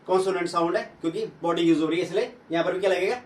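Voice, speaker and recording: A man teaching an English grammar lesson, asking questions and answering them himself while repeating sounds slowly. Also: high-pitched, steady tone, a little mellow. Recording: echoey room, from a distance.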